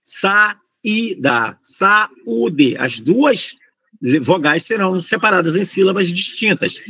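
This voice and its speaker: A high-voiced Brazilian man with a gravelly, husky edge, swinging his pitch up and down as he works through grammar questions. He speaks in a Brazilian Portuguese accent, in a loose, slangy teaching style full of asides to the class. The sound is dry and close. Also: no room sound. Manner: slangy, lively, rambling, addresses students as gente. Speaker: Portuguese tutor for exam candidates. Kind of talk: informal grammar lesson.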